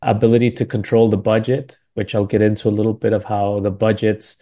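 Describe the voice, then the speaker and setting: Mellow-voiced man with "right?" tags. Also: lowish voice, flat delivery, a little fast. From Milwaukee, United States. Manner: loose and conversational, tags many phrases with "right?" and "you know". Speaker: guest speaker, community organizer. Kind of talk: prepared talk at a panel event.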